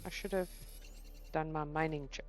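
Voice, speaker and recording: A woman hosting a gaming channel, chatting casually to herself as she plays, excitable and quick to swear mildly. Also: low voice. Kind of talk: casual gameplay commentary.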